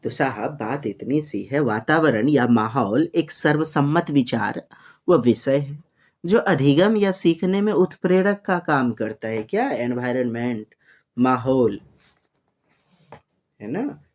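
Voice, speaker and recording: A man's voice: mid-range voice, expressive, takes it slowly. A man teaching an exam-prep lesson, reading Sanskrit questions and explaining them in Hindi, often turning to his listeners with emphatic questions. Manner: mixes Hindi, Sanskrit and English, calls listeners "sahab", rising emphatic bursts.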